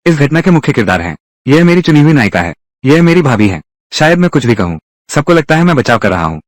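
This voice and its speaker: A composed young heir. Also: male voice, on the high side, very animated, fast, dry recording. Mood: firm. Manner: formal, declarative speech. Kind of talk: dubbed drama dialogue.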